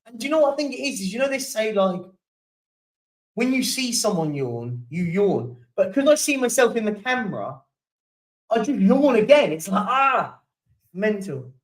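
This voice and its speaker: Chatty young man, high voice. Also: big pitch swings, normal speed, distant mic, poor audio. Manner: chatty, keeps yawning and apologising. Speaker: live stream host. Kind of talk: casual live-stream chat reading viewer comments.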